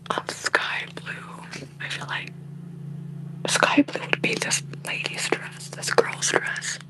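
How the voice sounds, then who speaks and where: A woman's voice: takes it slowly, rough recording. A woman whispering casually and chattily as she hosts an ASMR livestream. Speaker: livestream host. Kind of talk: whispered ASMR livestream chat while coloring. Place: apartment room.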